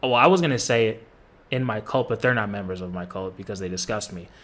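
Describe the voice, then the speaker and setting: A man's voice: lowish voice, fast talker, fairly bright tone. Sarcastic, foul-mouthed man trash-talking. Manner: sarcastic, profane trash talk. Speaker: basketball reaction YouTuber. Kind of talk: reaction commentary.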